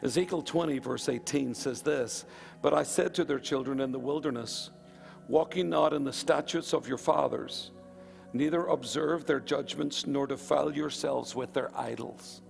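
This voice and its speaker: His mid-range voice is creaky and moderately paced as he preaches a live sermon in a church hall, music behind him and a congregation present. The Northern Irish preacher repeats lines with fervent emphasis.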